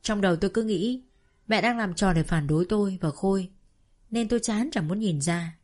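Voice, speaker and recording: A woman reading a first-person family story in a calm, intimate storytelling manner. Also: medium pitch, moderate pace, faint music behind.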